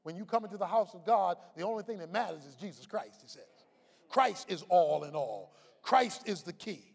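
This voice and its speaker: High-voiced preaching man in an echoing hall. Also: animated, moderate pace, creaky, breathy edge. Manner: preaching with shouted rising climaxes and storytelling asides. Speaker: pastor. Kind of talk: sermon. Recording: long reverb of a large hall.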